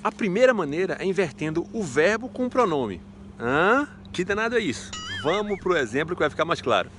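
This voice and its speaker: A man's voice: high-pitched, very animated, fairly quick, fairly bright tone, slight background noise. A man teaching a casual video lesson in a chatty, playful way, asking himself rhetorical questions. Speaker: French teacher.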